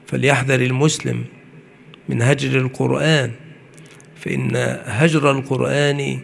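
A man giving a measured religious lecture, slowing down on his key points. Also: medium pitch, flat delivery, gravelly, a little hiss or hum. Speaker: preacher.

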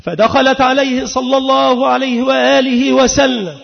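High, gravelly man preaching in a hall. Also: level tone, normal speed. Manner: emphatic, rhythmic preaching that rises into sung, shouted passages. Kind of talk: sermon. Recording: long hall reverb, dull lo-fi sound.

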